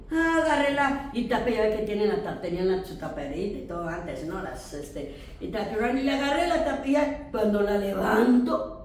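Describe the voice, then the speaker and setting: A woman pastor with a Mexican accent, teaching a church class in a lively storytelling way and speaking straight to her listeners. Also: mid-range voice, a little hiss or hum. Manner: animated storytelling, addressing listeners directly. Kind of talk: sermon-style teaching with testimony. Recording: very echoey room, distant mic.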